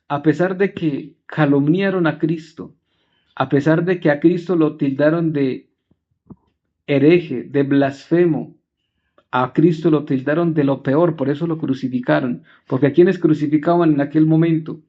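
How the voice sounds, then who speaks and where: A man, a priest, preaching a homily from the pulpit in short, earnest phrases and slowing down to stress key words. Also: fairly high pitch. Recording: dull lo-fi recording.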